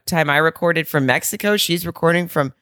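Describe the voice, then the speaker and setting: A woman's voice: low voice, brisk, bright, forceful tone, no echo, studio quality. A middle-aged woman co-hosting a podcast, telling rambling stories with laughs and casual swearing. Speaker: podcast co-host. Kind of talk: casual chat.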